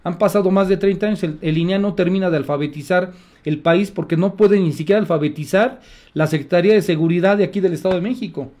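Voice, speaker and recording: Mexican male radio commentator, indignant and mocking, voice sits high. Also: fast, dark tone. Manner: sarcastic, indignant. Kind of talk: opinion commentary broadcast.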